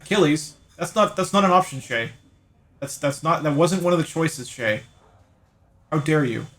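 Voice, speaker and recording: Game music fills the background as this livestream host plays through a visual novel. His voice is fairly high and fairly bright, with lively intonation and a moderate pace, and he jokes around casually with viewers, addressing chat members by name.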